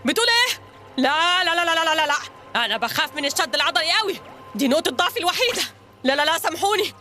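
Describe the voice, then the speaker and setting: A jumpy, excitable coach from a children's audio drama, voiced by a woman, high and bright, with lively swoops. Talks fast and stammers whenever fear takes over. Light music plays underneath. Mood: panicked. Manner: excitable, faints and stammers in panic. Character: jittery coach Captain Saaq, panics at cramps.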